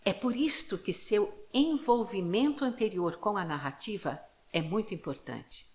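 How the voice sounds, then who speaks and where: A woman storyteller teaching a video lesson, explaining clearly and leading playful rhythm and word exercises. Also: medium pitch, animated, a little slow, a little mellow.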